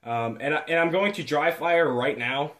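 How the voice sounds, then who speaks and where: Rambling, halting man showing off his gear. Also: a little high, a bit bright. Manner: rambling, halting, full of fillers and restarts; easygoing and self-deprecating. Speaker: airsoft gun reviewer. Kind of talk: casual show-and-tell vlog.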